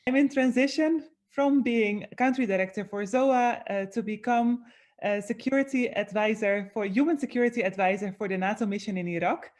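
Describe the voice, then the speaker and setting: A woman's voice: fairly high pitch, normal speed, darkish tone. A woman from the Netherlands, introducing her aid work in a composed, matter-of-fact way. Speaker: aid country director. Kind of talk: panel introduction.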